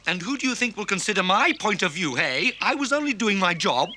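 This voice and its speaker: Grumpy cartoon twin, high and bright. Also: male voice, big pitch swings, a little fast, slight background noise, heavily acted. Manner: argumentative. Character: grumpy stubborn little twin man.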